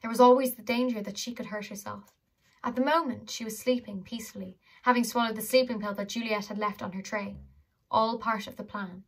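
A woman reading a children's fantasy novel aloud with lively, dramatic narration. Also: a little high, brisk, breathy edge. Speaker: audiobook reader. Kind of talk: storybook narration.

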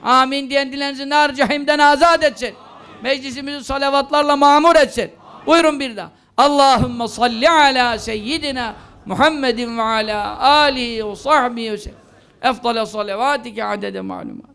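A man's voice: a little fast, pushed and bright, clear, resonant tone. A man preaching in a mosque at a pulpit microphone, earnestly urging his listeners and reciting prayers. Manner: earnest, exhorting, rising high when stressing points. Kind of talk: mosque talk with announcements and prayers.

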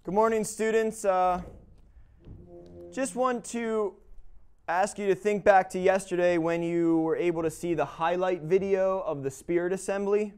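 Clear-voiced man presenting at school. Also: high voice, steady tone, normal speed, few pauses, a little mellow. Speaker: teacher presenting a school show. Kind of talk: chatty school broadcast segment. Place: indoor school TV studio.

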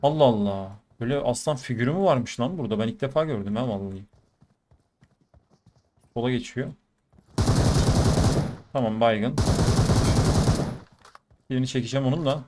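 A man giving casual running commentary over mobile shooter gameplay, talking to his viewers with sudden bursts of excitement. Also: mid-range voice, moderate pace, pauses often, noisy background. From Turkey. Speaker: gaming YouTuber.

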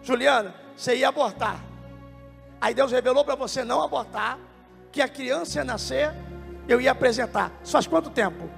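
High-voiced gravelly Brazilian pastor preaching. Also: male voice, normal speed, fairly bright tone. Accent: Brazilian Portuguese. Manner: emotive and exclamatory, bursts into speaking in tongues; talks directly to congregants, questioning them. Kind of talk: prophetic preaching at a televised church service. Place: large church hall with a congregation. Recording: reverberant church hall with music underneath. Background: worship music.

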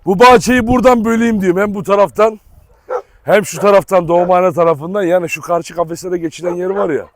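A dog breeder who runs a vlog channel chats casually with his viewers and calls to his dogs in an outdoor kennel yard. His voice is high-pitched and steady in tone, his pace brisk, and there's no room sound.

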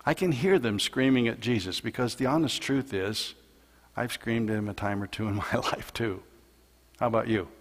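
A man preaching a sermon as a pastor, telling a Bible story and building louder and higher in the dramatic parts. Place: church sanctuary. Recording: long hall reverb in church.

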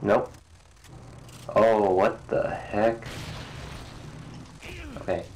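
A man's voice: on the low side, fairly even intonation, drawn-out words, a little mellow, a little hiss or hum. A man on voice chat whose mic sounds echoey, talking casually in short, puzzled remarks. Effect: echoey mic over voice chat. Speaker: streamer's friend on voice chat.

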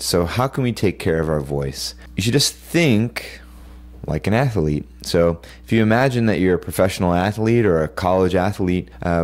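A man with a very low voice gives a lecture on caring for the voice. He talks through practical tips in a plain, steady teaching manner, with plenty of "uh" and "um" along the way. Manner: plain, practical advice with frequent fillers. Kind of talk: recorded lecture for students.

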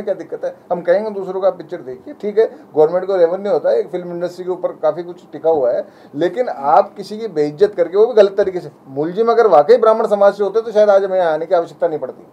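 A man with a high, quick voice makes an insistent, conversational appeal at a press conference. His tone stays dark and mellow despite the high pitch. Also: dull audio. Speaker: community representative at a press conference.

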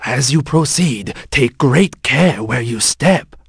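An actor playing a wise elderly rat ninja master in a video game, stern but playful, with a raspy, gravelly voice and a formal, sage-like manner. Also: male voice, mid-range voice, animated, slow pace, no room sound, clean studio sound, full character voice. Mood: solemn, instructive. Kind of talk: video game battle lines and advice.

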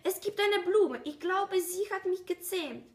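A woman's voice: very high-pitched, lively intonation, measured pace, a little mellow, voice pushed up, heavily acted. A woman doing a wondering boy prince. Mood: earnest. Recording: roomy echo.

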